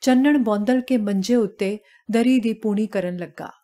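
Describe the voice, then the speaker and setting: A woman narrating a short story in a calm, measured reading voice. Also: mid-range voice.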